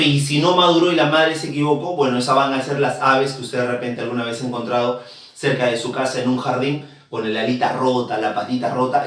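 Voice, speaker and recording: A male teacher lectures in a mid-pitched voice, explaining step by step and checking in with his listeners. He sits far from the mic in a very echoey room, so his voice rings with reverb. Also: a bit bright. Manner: explanatory, full of rhetorical check-ins. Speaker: psychology teacher. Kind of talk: classroom lecture.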